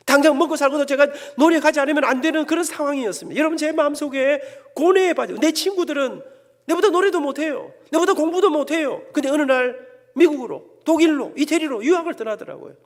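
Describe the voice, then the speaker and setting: A man's voice: extremely high pitch, animated, quick pace. A man, a church elder with a Gyeongsang Korean accent, preaching an emotional sermon and telling his own story dramatically. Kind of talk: sermon with personal testimony. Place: church sanctuary. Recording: long church hall reverb.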